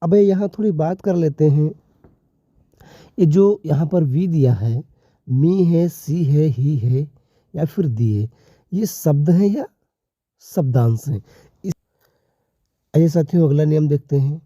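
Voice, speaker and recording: A male teacher explains step by step at a very slow, measured pace. His voice is dark and mellow, slightly higher than most men's, and sits dry and close in a dull, lo-fi recording. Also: no echo. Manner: deliberate, addresses viewers as "companions". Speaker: English teacher.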